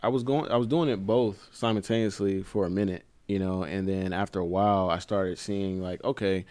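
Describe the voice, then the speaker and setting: A man, a guest on a podcast, telling his story in a relaxed, casual way with plenty of fillers. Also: low-pitched, brisk, smooth, no room sound. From United States. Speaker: guest, brand co-founder. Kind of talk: casual interview talk.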